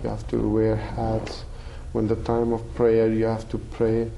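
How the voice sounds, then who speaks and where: Dark-voiced man, halting answers. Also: fairly low pitch, completely flat delivery, vocal fry, slight background noise, rough recording. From Afghanistan. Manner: halting, searching for words. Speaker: guest. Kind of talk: panel discussion answers.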